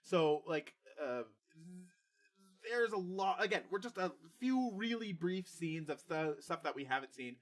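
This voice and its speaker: A man's voice: sits high, lively intonation, a little slow. A man hosting a podcast, chatting casually with lots of fillers and frequent laughter. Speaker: podcast host. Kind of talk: casual chat.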